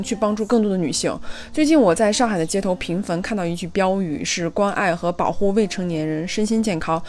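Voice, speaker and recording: Female podcast co-host, measured and earnest, mid-pitched voice. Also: a little mellow. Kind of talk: reflective podcast monologue.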